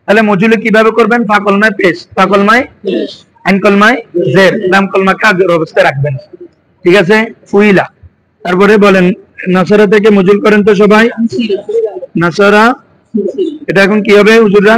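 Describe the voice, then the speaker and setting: A man's voice: high voice, a bit bright, poor audio. A man with a Bangladeshi Bengali accent teaching a class, constantly asking his students questions as he explains. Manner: quizzing students with frequent questions. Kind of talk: classroom lesson.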